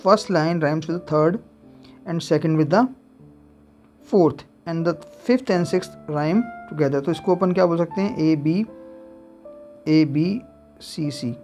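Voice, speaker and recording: A man's voice: sits high, darkish tone, lo-fi sound. A man teaching English literature to students, explaining a poem and mixing Hindi with English terms as he repeats key points.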